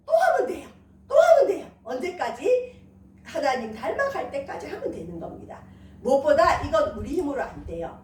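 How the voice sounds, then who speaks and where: A woman pastor preaches in a high voice that swoops up and down, and she drifts into laughing storytelling. She is recorded from a distance in an echoey church sanctuary, with a faint hum of room ambience behind her. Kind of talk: sermon. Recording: echoey church hall, from far off.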